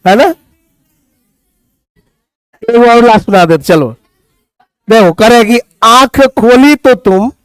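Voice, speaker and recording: Here a man with a high voice and a Bhojpuri accent leads an English grammar class, mixing playful teasing of his students with recited poetry. The recording has no echo.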